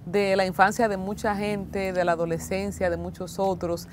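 A woman's voice: medium pitch, little pitch movement, normal speed. Curious woman interviewer, faint hiss. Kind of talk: interview questions.

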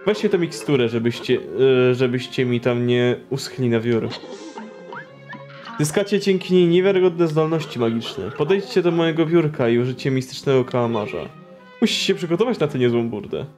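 A man voicing a wise, grandfatherly old male kettle who gives gentle advice, reading game text aloud. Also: mid-range voice, lively intonation, moderate pace, lightly acted. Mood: advising. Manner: gentle, advising. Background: game music.

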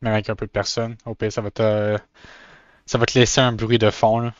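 A man's voice: on the low side, level tone, fairly quick, dry recording, dull audio. A man with a Québécois French accent chatting casually on a live stream while drawing, often stammering and restarting, with English words mixed in.

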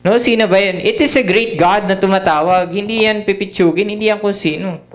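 A man's voice: sits high, brisk, lo-fi sound. A man with a Filipino accent preaching a sermon at a prayer meeting, mixing English and Tagalog and often asking his listeners tag questions. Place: church hall.

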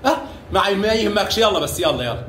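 Egyptian male primary teacher, fairly high voice, coaxing and full of praise, echoey classroom with faint noise. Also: animated, fast, a bit bright. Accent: Egyptian Arabic. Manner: coaxing, showers children with praise and pet names. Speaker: primary school math teacher. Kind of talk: classroom teaching with young children.

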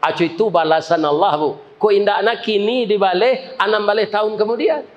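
A man with a Minangkabau accent preaching a humorous sermon before a gathering, telling a story in a lively way that swings from quick jokes to slow pleading prayers. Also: high voice, muffled recording. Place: live gathering before an audience.

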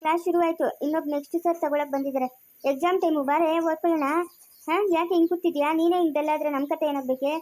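A woman's voice: sits high, fairly even intonation, darkish tone, close to an everyday voice. [name], a woman playing a blunt bossy friend. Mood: brisk. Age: young adult. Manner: brisk, scolding. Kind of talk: amateur family skit acting.

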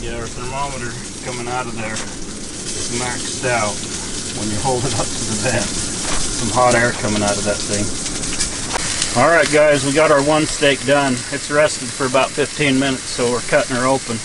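A middle-aged man talks viewers through his cooking in a relaxed, easygoing way, inside a small tent at night. His voice sits at an ordinary middle pitch. A steady hum of noise and sizzling runs under everything, picked up by a camera sitting on the table. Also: moderate pace. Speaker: camping vlogger, dad. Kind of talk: casual how-to narration while cooking. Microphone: camera on the table, headlamp on.

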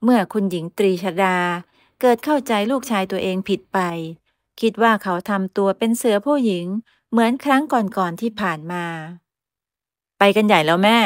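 A woman reading a story aloud as narrator, in a steady, clear voice. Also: medium pitch, moderate pace, dry recording, studio quality. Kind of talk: scripted narration.

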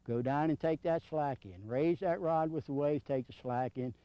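Out on a sandy beach, a surf fishing instructor in his fifties gives casual, practical lessons in a folksy, plain way, going over his points again and again. His fairly high voice is smooth and moderately paced. The recording is dry and comes from a dull old video.

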